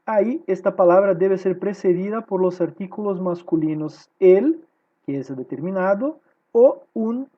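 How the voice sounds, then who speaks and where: A woman's voice: lowish voice, highs cut off. A woman with a Brazilian Portuguese accent teaching a Spanish class online. She explains patiently and keeps checking in with her students.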